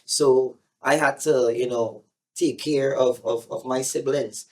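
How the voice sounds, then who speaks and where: A middle-aged Guyanese man recounts his past in a loose, easygoing ramble, circling back with little fillers as he goes. His voice sits at an ordinary, middle pitch for a man. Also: slow pace. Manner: relaxed, rambling, with frequent fillers and restarts. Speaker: singer being interviewed. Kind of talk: casual interview storytelling.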